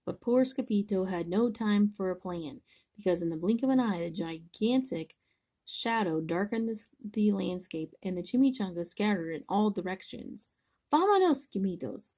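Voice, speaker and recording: An older woman, a grandmother, reading a picture book aloud slowly and gently, sometimes stumbling over words. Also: medium pitch. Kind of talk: storybook read-aloud.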